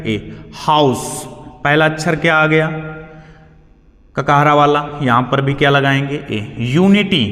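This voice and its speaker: A man's voice: on the high side, a bit bright. A male teacher giving a grammar lesson, asking questions and answering them himself. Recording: echoey hall sound.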